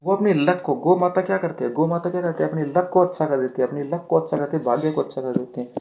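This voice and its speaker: Man, teaching mnemonics, somewhat high voice, asks and answers himself, thin phone-like sound. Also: fast talker, vocal fry, slight background noise. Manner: repetitive, asks and answers his own questions. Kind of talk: exam-prep mnemonic lesson. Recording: tinny phone-like audio.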